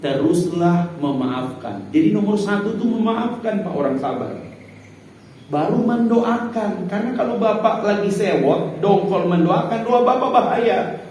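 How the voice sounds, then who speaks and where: A male preacher giving an animated mosque sermon, acting out prayers and speaking to the congregation. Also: sits high, unhurried, a little hiss or hum. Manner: lively, animated, acts out prayers, addresses audience as Pak. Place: mosque hall. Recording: very echoey hall, mic far off.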